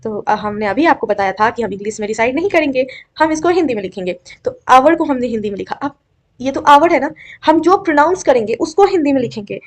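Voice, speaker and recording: A woman's voice: sits high, lively intonation, fast talker. A young woman teaching an exam-prep grammar lesson, coaxing and checking often that students follow. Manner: coaxing, repeatedly checks understanding.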